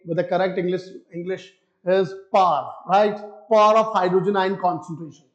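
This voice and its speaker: An Indian man giving a chemistry lesson, asking his students questions and answering them himself, and saying key terms slowly. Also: high voice, steady tone. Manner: mixes Hindi with English terms. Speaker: chemistry teacher. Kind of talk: classroom lecture. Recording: echoey room, slightly dull sound.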